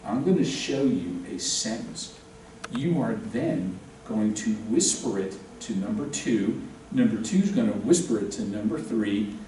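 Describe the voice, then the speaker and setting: A male instructor lectures a real estate class with lively, swinging intonation and plenty of jokes. He is recorded from across a very echoey classroom, with faint room noise underneath. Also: lowish voice, unhurried. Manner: animated, joking, quizzes the class. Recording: very echoey room, distant mic.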